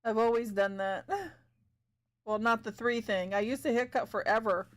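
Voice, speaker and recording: A fairly high-voiced woman chats with her viewers as she paints on a live stream. She thinks aloud about her work in an easygoing, giggly way. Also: normal speed. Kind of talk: casual chat with viewers while painting.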